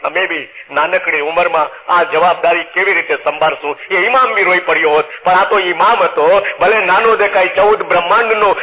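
A man, a missionary preacher, giving an emphatic storytelling sermon whose pitch climbs through lists and that retells scenes with acted-out quotes. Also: steady tone, moderate pace, hardly any pauses, lo-fi sound, a crowd in the background.

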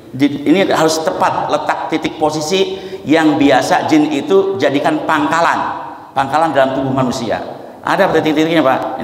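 A man in a mid-range voice delivers a lively religious talk with a casual lilt. He explains things in a homely way, dotted with "nah". The sound carries the long, roomy reverb of a mosque hall. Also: medium pitch. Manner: lively, folksy explanations with frequent "nah" and demonstrations of recitation. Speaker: preacher.

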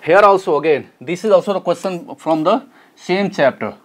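A man works through entrance exam questions as an English teacher. His voice sits a little high, and he repeats key words slowly so students can follow. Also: animated. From Nepal. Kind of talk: exam solution lesson.

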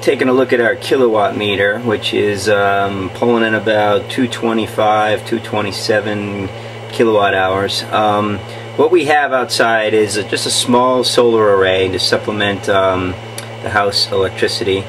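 A man's voice: on the low side, steady tone, moderate pace, background noise. New man explaining his gadgets. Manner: plain, explanatory, many ums and uhs. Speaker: channel host. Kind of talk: casual home-project video walkthrough. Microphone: camera mic, off-screen filming.

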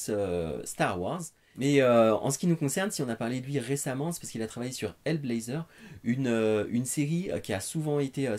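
A French-accented man in his thirties hosts a comics recommendation show, chatting to the camera from a living room lined with bookshelves in a casual, slightly hesitant review style. His voice is medium-pitched and a bit mellow.

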